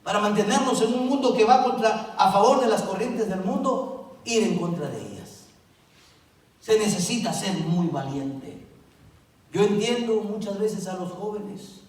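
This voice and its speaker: A middle-aged man preaches in a fairly high voice, stressing and repeating key words and asking the congregation questions. He sounds distant from the mic in a very echoey church sanctuary. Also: expressive, a little slow. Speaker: pastor. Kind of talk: sermon.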